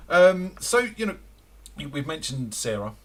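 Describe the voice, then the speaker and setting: A man hosting an interview over a video call, relaxed and conversational with many fillers. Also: fairly high pitch, unhurried. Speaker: host. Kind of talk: casual interview chat.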